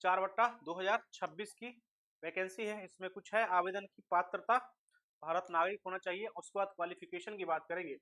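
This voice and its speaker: An Indian man with a high, bright voice teaches students like a coaching instructor, speaking fairly quickly in a steady, forceful tone. He mixes in English terms, poses rhetorical questions and answers them himself, and checks that students are following.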